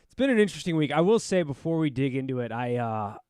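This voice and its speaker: A man's voice: mid-range voice, big pitch swings, fast, a little mellow, clear, resonant tone, no room sound, clean studio sound. A man hosting a casual sports betting podcast, talking loosely with lots of fillers and restarts. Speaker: podcast host.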